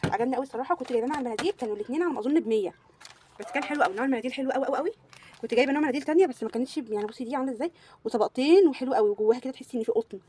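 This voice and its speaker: A woman's voice: high-pitched, rapid-fire, mellow, a little hiss or hum. A young woman with an Egyptian Arabic accent, gushing through a casual beauty product review and repeating words for emphasis. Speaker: beauty vlogger.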